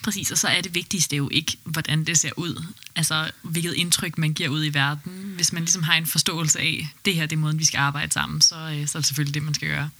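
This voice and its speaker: Bright-voiced woman midwife explaining. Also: low voice, steady tone, dry recording. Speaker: midwife and podcast co-host. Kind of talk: casual explanatory chat.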